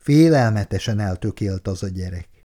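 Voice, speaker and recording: A man voicing a gentle, sensible older woman and grandmother in an audiobook. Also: fairly low pitch, lively intonation, voice pushed down, natural voice.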